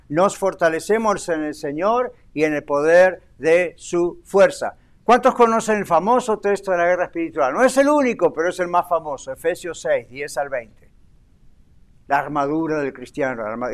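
High-pitched older preacher man. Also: normal speed. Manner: animated preaching with rhetorical questions and English phrases. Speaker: pastor. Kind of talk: sermon.

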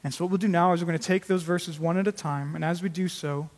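A man's voice: a little high, steady tone, quick pace, big-room sound. A man preaching an earnest sermon as pastor, with emphatic rises in volume on key words.

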